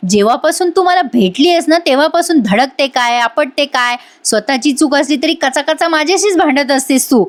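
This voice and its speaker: A woman voicing an irritable young man who grumbles sarcastically, in her own high voice. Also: lively intonation, fairly quick, hardly any pauses.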